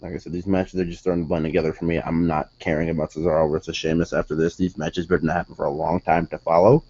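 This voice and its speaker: Rambling, exasperated young man, low voice. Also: level tone, fast, darkish tone, slightly rough, dull audio. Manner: rambling, self-correcting, exasperated. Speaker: wrestling show reviewer. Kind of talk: casual solo review commentary.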